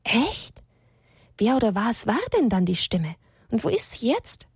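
A woman voicing a bold, cheeky young male farm animal in a husky, high, eager voice for a children's storybook. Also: very animated, unhurried, no echo, clean studio sound, heavily acted. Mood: uneasy.

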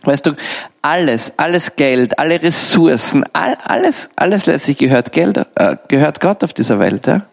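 A man's voice: on the high side, moderate pace, vocal fry. A man preaching through a personal story, talking to the listener directly and repeating himself for emphasis. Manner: animated, repetitive, addresses the listener directly. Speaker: lay preacher. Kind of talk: storytelling sermon.

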